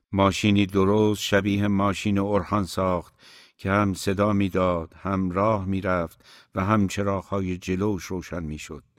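A man reading a novel aloud as an audiobook narrator, in a measured, even storytelling manner. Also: low-pitched, dry recording, studio quality.

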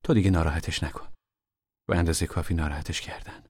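A man voicing a weary, worried mother who speaks softly and often whispers, in an audiobook reading. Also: low-pitched, steady tone, slightly rough, dry recording, studio quality. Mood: worried hush. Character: tired worried mother, gentle and firm. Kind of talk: audiobook character voice.

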